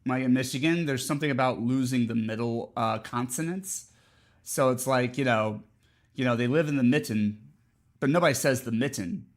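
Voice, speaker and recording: A man with a Midwestern American accent, chatting casually with his stream's chat, rambling with lots of fillers and frequent laughs. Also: mid-range voice.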